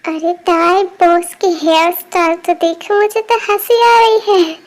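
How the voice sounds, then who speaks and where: Woman as a chatty, giggly, boy-crazy young woman, very high voice. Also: a little slow. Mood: gossipy. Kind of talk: amateur voice dubbing.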